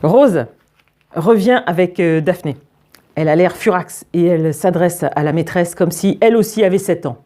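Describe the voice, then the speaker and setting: A young woman reading a children's book aloud in an expressive way, prone to fits of giggling. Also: fairly low pitch, normal speed. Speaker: storyteller.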